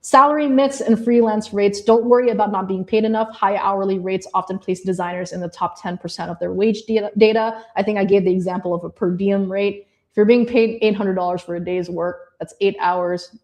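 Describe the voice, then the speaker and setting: A woman's voice: mid-range voice, fairly even intonation, a little fast, few pauses. A woman who grew up in Indonesia, giving an encouraging presentation on visas to designers, speaking to the audience in a friendly, direct way. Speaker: immigration advisor presenting to designers. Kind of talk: presentation talk.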